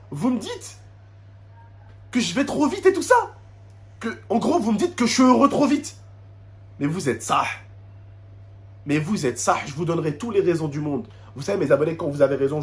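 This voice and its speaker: High-pitched and fairly bright, this man's voice carries an emotional, indignant rant to camera aimed at his YouTube subscribers. He speaks with a French suburban street accent in street slang with Arabic interjections, full of repetition and rhetorical questions.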